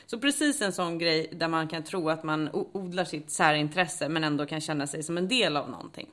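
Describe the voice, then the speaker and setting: Woman, lowish voice, rambling casual podcast chat, lots of fillers. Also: a bit bright. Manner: rambling, many fillers and restarts, laughs easily. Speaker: podcast co-host. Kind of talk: casual chat, reading prepared segment.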